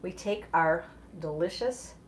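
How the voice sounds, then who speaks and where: In a home kitchen, a middle-aged woman leads a casual live cooking demonstration, her lowish voice a little slow yet enthusiastic and full of exclamations. The indoor recording picks up clattering dishes and clicks.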